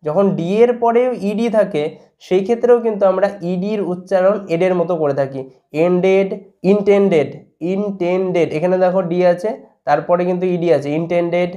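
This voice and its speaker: A man's voice: sits high, a little fast, warm tone. A man with a Bengali accent teaching an English lesson in a video. He spells words out letter by letter and asks the viewer questions, then answers them himself.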